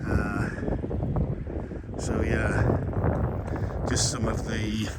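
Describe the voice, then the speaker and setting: A man's voice: on the low side, completely flat delivery, extremely slow. Chatty man walking outdoors. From England. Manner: chatty, rambling, thinks aloud with fillers. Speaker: walking vlogger. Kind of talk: casual walking commentary. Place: outdoors in open parkland. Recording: loud wind noise on outdoor mic. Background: wind.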